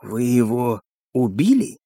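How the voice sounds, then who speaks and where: A man's voice: fairly high pitch, animated, normal speed, darkish tone, dry recording, studio quality, pitched above the performer's own voice, close to an everyday voice. A man voicing a cold, scheming male captain who speaks in a clipped, insinuating manner.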